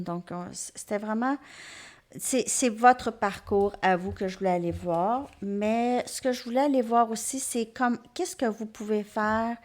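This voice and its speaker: A woman gives a tarot reading to her viewers, gently reassuring them and often checking in with them. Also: mid-range voice. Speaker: tarot reader.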